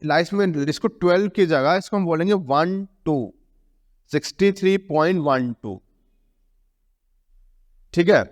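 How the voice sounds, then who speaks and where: Male math teacher, slightly high voice, lingering reverb, questions and answers himself. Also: expressive, unhurried, long pauses. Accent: Indian English. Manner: repeats key terms, asks and answers own questions; mixes English terms into Hindi explanation. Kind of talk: classroom lesson explanation. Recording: long reverb.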